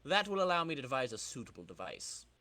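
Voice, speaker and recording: A man's voice: mid-range voice, big pitch swings, quick pace, bright, forceful tone, dry recording, voice pushed down. A man voicing a sly old villain inventor in a comic-book reading, theatrical and drawn out. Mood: gleeful scheming.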